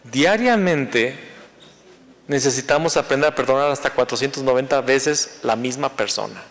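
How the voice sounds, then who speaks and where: A man's voice: mid-range voice, normal speed, a bit bright, in a large hall. A man preaching a sermon as pastor, conversational and teasing his congregation. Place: church sanctuary.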